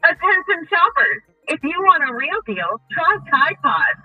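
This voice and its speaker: A woman playing a cheerful shopper who makes a supermarket loudspeaker announcement in a sing-song announcer delivery. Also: very high-pitched, big pitch swings, measured pace, dry recording, highs cut off, faint music behind, full character voice. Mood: announcing. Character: cheerful female shopper making a store announcement.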